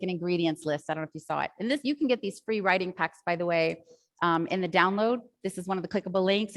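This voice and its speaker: A woman's voice: mid-range voice, fairly bright tone. A woman teacher trainer giving a workshop talk to other teachers, telling a classroom story in a chatty, rambling way with many asides.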